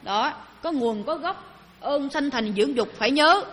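A woman's voice: sits high, moderate pace, fairly bright tone. A woman giving a Buddhist dharma talk, chatting with her audience and asking them questions. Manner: conversational, asks the audience questions. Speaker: Buddhist teacher. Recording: long hall reverb.

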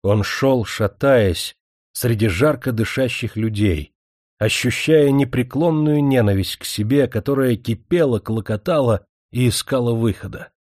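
A man narrating a novel as an audiobook in a measured, serious reading. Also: medium pitch, darkish tone, no room sound, studio quality.

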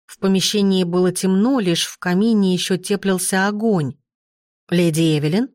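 A woman reading a novel aloud as first-person scripted narration, in a measured, even manner. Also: mid-range voice, no room sound, clean studio sound. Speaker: audiobook narrator.

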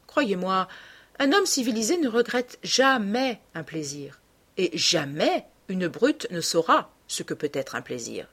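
Cast: a languid, epigrammatic gentleman of leisure, amused and mocking, read by a woman. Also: medium pitch, very animated, a little slow, slightly rough, exaggerated voice. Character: witty, cynical aristocratic gentleman. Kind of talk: audiobook character reading.

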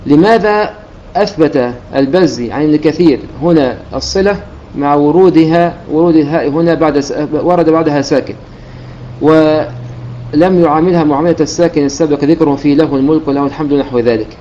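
A man's voice: fairly high pitch, brisk, mellow, highs cut off, a little hiss or hum. A man teaching a religious lesson on Quran recitation rules, explaining step by step and breaking into recited verses.

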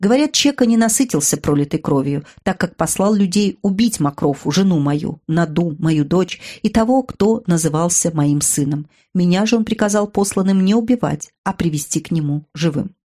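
A woman's voice: fairly low pitch, lively intonation, moderate pace, hardly any pauses, warm tone. A woman narrating a dramatic audiobook, raising her voice for the characters' cries.

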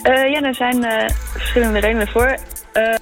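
Calm woman explaining language. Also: on the high side, normal speed, faint music behind. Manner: calm, explanatory, searching for words. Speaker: linguistics lecturer as phone guest. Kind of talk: expert interview.

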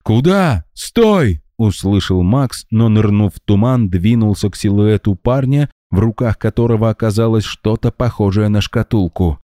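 A man narrating an audiobook in an expressive storytelling style. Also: on the low side, normal speed, few pauses, no room sound, studio quality. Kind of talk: scripted narration.

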